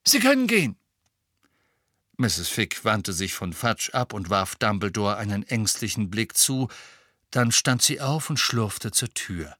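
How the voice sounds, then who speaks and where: Man reading an audiobook, slow and lively, dry close sound. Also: on the low side, no room sound. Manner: expressive, measured. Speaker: narrator. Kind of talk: audiobook narration.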